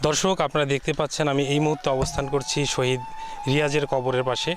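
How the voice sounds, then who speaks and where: A man with a Bangladeshi accent, reporting the news in formal, measured phrases. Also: medium pitch, level tone, noisy background. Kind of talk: scripted news report narration. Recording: music under the voice.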